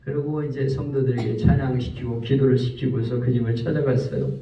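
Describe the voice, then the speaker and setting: A man's voice: medium pitch, little pitch movement, fairly quick. A man preaching a sermon as pastor, telling a story and acting out the people in it. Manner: storytelling, acts out quoted speech. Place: church sanctuary. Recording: roomy, distant, dull church recording.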